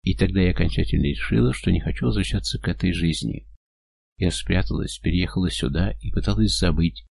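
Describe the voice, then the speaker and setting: A man's voice: low-pitched, wildly swooping pitch, a little fast, creaky, a little mellow, slightly rough, no room sound, full character voice. A man voicing a frightened, tearful young woman who pleads and sobs with a breaking voice. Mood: confessing.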